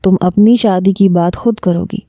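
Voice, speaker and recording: Calm, composed young heroine, read by a woman. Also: on the low side, dry recording, natural voice. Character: calm level-headed young woman, aloof.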